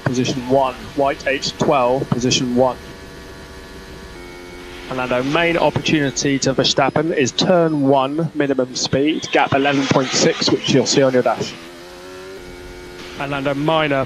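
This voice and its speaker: Over noisy team radio, a male race engineer with a medium-pitched, mid-range voice gives clipped, calm instructions and repeats them. Engine noise from the car is clearly audible behind the transmission.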